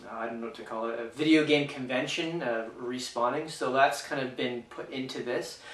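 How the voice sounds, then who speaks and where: A man's voice: mid-range voice, normal speed, fairly bright tone. Guy casually reviewing a board game, stumbles and restarts a lot, roomy echo. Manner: hesitant, many fillers and restarts. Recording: echoey room, mic far off.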